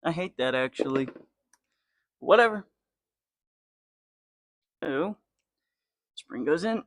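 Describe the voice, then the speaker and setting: A man's voice: mid-range voice, animated, a little slow, no room sound, clean studio sound. A young man casually narrating a car repair in his garage, swearing and muttering to himself as he works. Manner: swears freely, muttering and complaining while wrenching. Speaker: garage channel host. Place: home garage.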